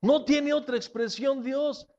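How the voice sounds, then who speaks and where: A man preaching a sermon, swinging between loud exclamations and hushed, slow asides. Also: very high voice, steady tone, muffled recording. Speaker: pastor.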